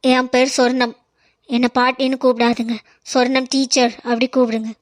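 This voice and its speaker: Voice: high voice, little pitch movement, moderate pace, dry recording, lightly acted. A proud older village woman in a cartoon, as a performer voices her, who sells snacks and teaches music. She speaks. The sound is dry and close. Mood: brisk. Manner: proud, insists on being called teacher.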